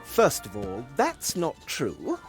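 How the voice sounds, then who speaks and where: A sulky male troll from a game, always grumbling and whining. His pitch swoops all over the place. Faint music sits underneath. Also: huge pitch swings, slow. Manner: whiny, huffy complaining. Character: grumpy, lazy male troll coworker.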